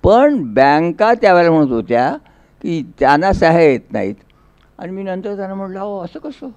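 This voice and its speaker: A man's voice: high voice, very animated, normal speed, darkish tone, dull audio. A man giving a folksy storytelling speech, acting out dialogue in a rural dialect. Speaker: public speaker.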